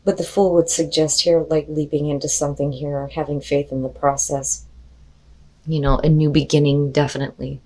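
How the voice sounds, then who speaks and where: Low-voiced, slightly hoarse woman reading tarot. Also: level tone, normal speed, a little mellow. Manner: chatty, full of "you know" and "like" fillers. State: slightly hoarse, losing her voice. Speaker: tarot reader. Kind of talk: casual tarot card reading.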